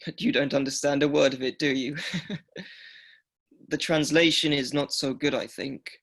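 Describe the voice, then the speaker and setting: An actor playing an elderly male Holocaust survivor from Greece, speaking slowly and haltingly and repeating himself. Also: on the high side, fairly even intonation, fairly bright tone. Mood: wistful. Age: older. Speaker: survivor telling his story. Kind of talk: radio documentary drama.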